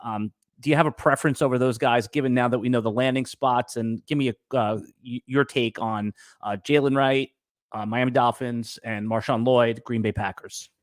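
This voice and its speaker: A man's voice: mid-range voice, steady tone, moderate pace, no echo. Dry-voiced man hosting a podcast. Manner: asks loose questions with fillers. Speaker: podcast host. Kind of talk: casual podcast interviewing.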